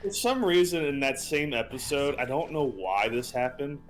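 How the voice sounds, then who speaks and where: A man in his twenties co-hosting a game stream, telling meandering stories in a relaxed way with many fillers. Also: mid-range voice, normal speed, faint music behind. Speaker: streamer co-host. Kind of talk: casual chat while streaming a game.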